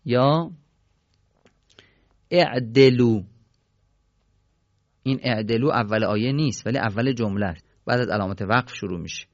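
A man with a lowish voice teaches a Quran recitation lesson patiently, posing questions and then answering them himself. The recording is dry, with the highs cut off.

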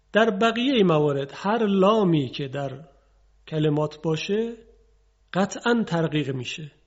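Husky male tajweed teacher. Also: a little high, a little mellow, highs cut off. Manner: patient, explains then drawls examples slowly. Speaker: Quran recitation teacher. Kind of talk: televised tajweed lesson.

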